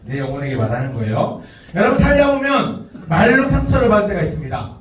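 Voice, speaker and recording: A male pastor giving a youth sermon, lively, acting out the nagging and taunting voices of others. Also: high-pitched, quick pace, recorded from a distance. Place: church hall. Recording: echoey hall, muffled from afar.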